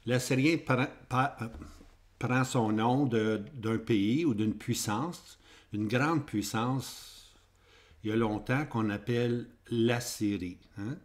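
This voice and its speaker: A man's voice: medium pitch, slow pace. Man teaching with a Québécois French accent. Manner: repetitive, checks in with "hein?" and "ok?". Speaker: Bible teacher. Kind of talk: Bible prophecy lesson with maps.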